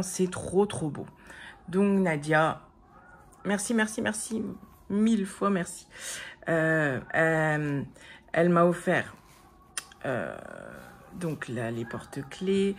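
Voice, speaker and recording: A woman talking casually to her viewers as a vlogger, hesitant with many fillers and restarts, gushing with praise. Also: fairly low pitch. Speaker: vlogger showing crafts and purchases. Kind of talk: casual chat to camera.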